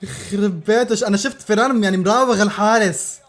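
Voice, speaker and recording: Male football reactor, pitched high, loud repeated exclamations. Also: fast. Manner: excitable, exclaiming and repeating himself. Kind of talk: live match reaction.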